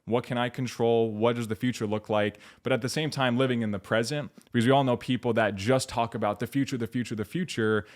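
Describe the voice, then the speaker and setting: American guy, motivational coach on a podcast, earnest and chatty, average pitch. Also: steady tone, quick pace, few pauses. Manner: earnest, illustrates points with imagined quotes. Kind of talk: conversational motivational talk.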